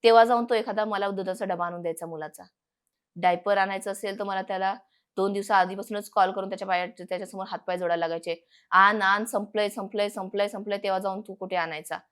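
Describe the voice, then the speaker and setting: A young woman, a podcast guest, telling a painful personal story in an earnest, halting way, repeating words for emphasis. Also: mid-range voice, steady tone, clean tone.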